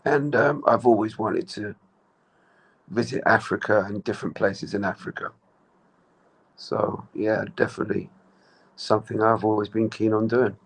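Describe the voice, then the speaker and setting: Gravelly man, measured answers. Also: fairly low pitch, steady tone, low-quality recording. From Jamaica. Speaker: interview guest, traveler. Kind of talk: casual interview answers.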